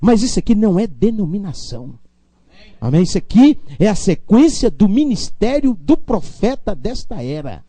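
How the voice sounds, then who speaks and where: High-pitched, lively Brazilian preacher man. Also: normal speed, no room sound. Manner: preaching with call-and-response amens, swinging from low to loud. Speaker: pastor. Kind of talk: sermon.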